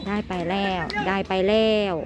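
A woman giving lively amateur commentary on a seven-a-side football match, shouting player names again and again as the play moves. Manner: lively, rapid repeated calls of player names. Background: music.

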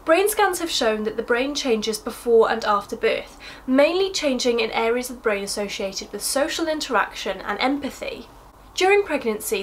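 A young woman hosting a science explainer video, delivering a scripted, upbeat explanation in a clear voice. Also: on the high side, a little hiss or hum.

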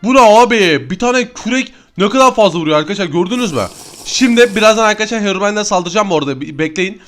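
A young man giving excited let's-play commentary to his viewers, exclaiming at every new find and talking straight to his audience. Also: high voice, fast talker, soft background music. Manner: excitable, keeps addressing viewers as friends. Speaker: gaming YouTuber.

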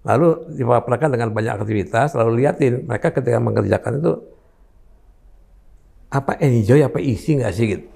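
Fast-talking gravelly older man. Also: medium pitch, dark tone. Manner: explains with examples from his grandchildren. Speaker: talent mapping expert. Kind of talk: casual talk show conversation.

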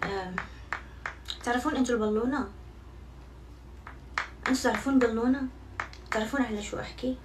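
A woman's voice: a little high, quick pace, long pauses. A young woman chatting casually to her viewers, self-mocking and swearing oaths often. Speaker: vlogger. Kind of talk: casual vlog chat to viewers. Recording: somewhat far from mic, faint background noise.

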